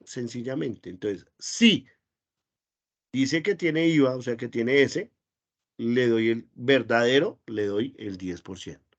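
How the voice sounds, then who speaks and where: A man's voice: mid-range voice, muffled recording. A man teaching a spreadsheet class online, patient and repetitive, often praising questions.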